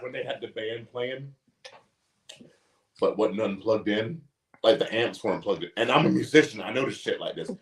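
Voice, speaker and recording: A man's voice: on the low side, moderate pace, long pauses. A man co-hosting a casual wrestling recap podcast, telling stories with lots of swearing. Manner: swearing, animated storytelling. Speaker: podcast co-host. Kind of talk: casual chat.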